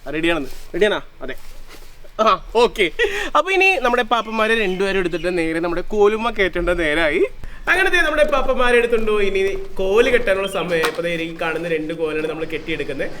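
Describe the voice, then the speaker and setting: A man's voice: high-pitched, animated, fast, a bit bright, slight background noise. A young man chatting playfully to his viewers while making and wearing costume puppets, outdoors. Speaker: vlogger. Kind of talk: casual DIY vlog narration. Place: outdoors, street and park.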